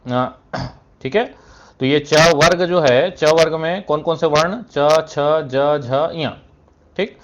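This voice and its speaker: Hindi teacher, fairly high male voice. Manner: explains step by step, asks the class questions and answers them himself; keeps adding "thik hai" between phrases. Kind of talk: classroom lesson on Hindi phonetics.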